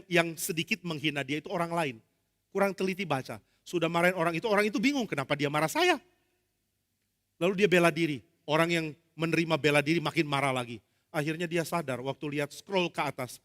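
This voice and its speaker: A male pastor preaching a lively sermon, acting out dialogue with humor. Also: a little high. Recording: long hall reverb.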